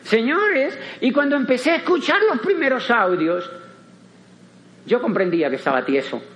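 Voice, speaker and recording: Animated man giving a motivational talk. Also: extremely high pitch, normal speed. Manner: theatrical, acts out dialogues, repeats phrases for emphasis. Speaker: motivational speaker.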